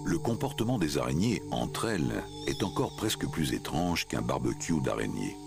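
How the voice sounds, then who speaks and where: Very deep, gravelly man narrating a nature documentary. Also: very animated, moderate pace, over music.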